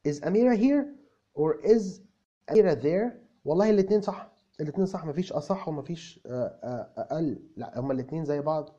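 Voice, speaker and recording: A man's voice: fairly high pitch, dark tone. A man with an Egyptian Arabic accent playing a self-assured young English tutor who stammers through restarts and explains with repeated examples. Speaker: English tutor answering viewer comments. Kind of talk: comic video lesson. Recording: dull lo-fi recording.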